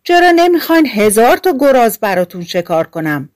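Fairy-tale audiobook: woman playing a bragging, fawning little male tailor, voice pushed up high. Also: expressive, darkish tone, no echo, studio quality, close to an everyday voice. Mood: eager servile. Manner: eager, servile, bragging. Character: boastful small male tailor, scared but bragging.

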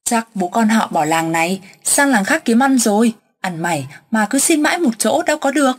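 Woman doing husky gossiping villagers in a horror tale, offhand and musing. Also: a little high, expressive, moderate pace, voice pushed up. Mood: dismissive. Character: gossiping village folk, matter-of-fact.

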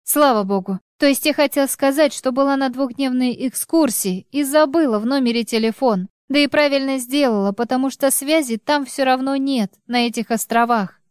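A woman reading an audiobook, voicing a flustered wife who rushes through her lies in a nervous, overly bright way. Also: high-pitched, animated, clear, resonant tone, no echo, studio quality, pitched above the performer's own voice.

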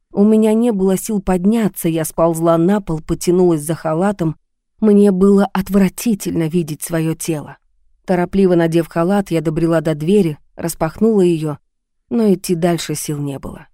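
Low mellow woman narrating an audiobook. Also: dry recording, studio quality. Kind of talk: first-person audiobook narration.

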